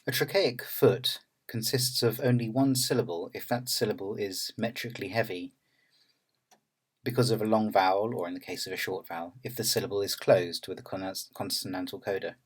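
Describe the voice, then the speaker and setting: A man narrating an academic lecture in a measured, explanatory way. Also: fairly low pitch, steady tone, breathy edge.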